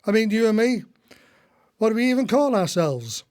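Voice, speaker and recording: An older man performs in a radio play as a retired husband, a long-winded, disillusioned old socialist who is indignant and exasperated. His voice is high and sing-song, a little mellow, at normal speed.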